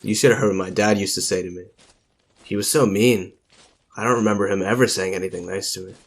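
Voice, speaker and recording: A man's voice: lowish voice, fairly even intonation, fast. A man voicing a meek, self-doubting young recruit who speaks in a subdued, sad way.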